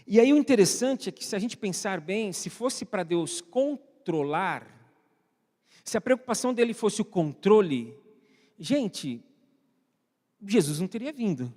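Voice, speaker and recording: Speaking with a Brazilian Portuguese accent, a pastor gives a conversational sermon in a church hall, often questioning the congregation and addressing online viewers at home. His voice is high-pitched with a darkish tone, and long church reverb surrounds it.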